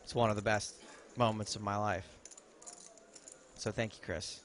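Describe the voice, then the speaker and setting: A man's voice: fairly low pitch, little pitch movement, unhurried, noisy background. A man with a cold giving casual poker commentary in a joking, wry way. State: has a cold.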